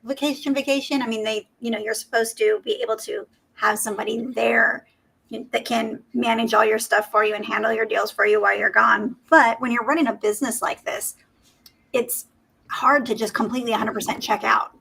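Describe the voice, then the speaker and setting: A woman's voice: a little high, steady tone, fairly quick, vocal fry, sharp tone, breathy edge, low-quality recording. A woman co-hosting a podcast, explaining things in an informal way with fillers. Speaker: podcast co-host. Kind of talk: casual chat.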